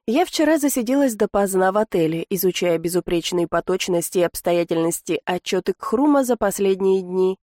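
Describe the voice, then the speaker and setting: A woman's voice: mid-range voice, darkish tone, no room sound, clean studio sound. Wry woman narrating an audiobook. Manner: wry, ironic storytelling. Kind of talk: first-person audiobook narration.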